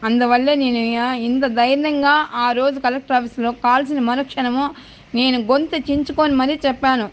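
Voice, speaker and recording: A high-voiced woman speaks in a recorded phone voice message. The sound is dull and lo-fi. She presses the same point again and again, insistent and direct. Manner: insistent, repeats her point over and over. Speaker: political supporter leaving a message.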